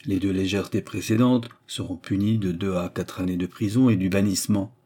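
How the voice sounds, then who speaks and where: Low and mellow, a man's voice reads briskly with fairly even intonation. He plays a middle-aged noblewoman adventuress who schemes and persuades, scaring her young companion with false sweetness. The feel is menacing and persuasive, the delivery insistent.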